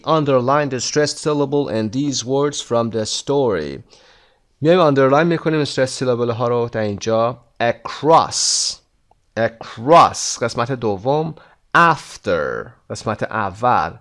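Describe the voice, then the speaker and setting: A man with a Persian accent teaching an English lesson, reading English slowly and clearly and explaining points quickly in Persian. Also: lowish voice.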